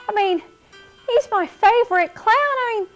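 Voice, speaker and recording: A woman's voice: high-pitched, expressive, measured pace, a bit bright, faint music behind. A woman voicing a cheerful young girl clown in a children's cartoon, with a bubbly, wide-eyed manner. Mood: excited. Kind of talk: children's show character acting.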